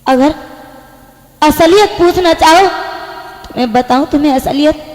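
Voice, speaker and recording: A woman playing an impassioned young village woman in a rustic folk drama, speaking in an emotional, drawn-out, declamatory way. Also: high voice, a little mellow. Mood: pleading. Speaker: folk drama singer-actress. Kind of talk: rustic folk kissa acting with sung verses. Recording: echoey studio reverb with music.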